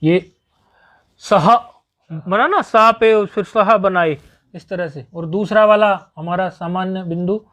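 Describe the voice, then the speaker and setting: A man's voice: high voice, takes it slowly, a bit bright. A man teaching Sanskrit grammar in a patient lesson, repeating each point and checking that students follow.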